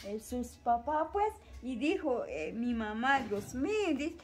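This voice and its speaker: A young woman telling a personal story in a halting, repetitive way. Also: fairly high pitch, very animated, soft background music. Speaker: interviewee, mother. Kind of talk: personal testimony.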